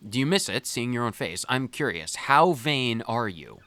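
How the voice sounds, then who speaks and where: A man's voice: medium pitch, sing-song, moderate pace, bright, forceful tone, no echo. Joking man doing let's play commentary. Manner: joking, rambling, talks back to game characters. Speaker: gaming video host.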